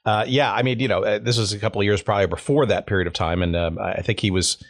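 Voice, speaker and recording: A man's voice: lowish voice, fairly even intonation, fast talker. A man hosting a podcast interview, asking questions hesitantly with many uhs and restarts. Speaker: podcast host. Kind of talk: interview conversation.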